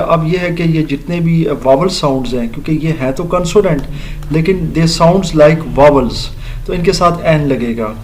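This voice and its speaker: A man teaching an English grammar lesson, explaining slowly, spelling out letters and repeating words for his students. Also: on the high side, slight background noise. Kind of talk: recorded grammar lecture.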